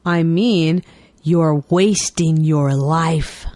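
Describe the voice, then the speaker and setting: A woman reading everyday dialogues aloud for English learners with clear, deliberate enunciation. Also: deep voice, a little mellow, no room sound. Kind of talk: slow scripted dialogue reading.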